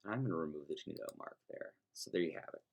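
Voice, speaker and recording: A man teaching music students how to use a notation program, explaining each step in a relaxed, folksy way. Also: very deep voice, fast, vocal fry. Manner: relaxed, folksy, talks through clicks step by step. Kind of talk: screen-recorded software tutorial.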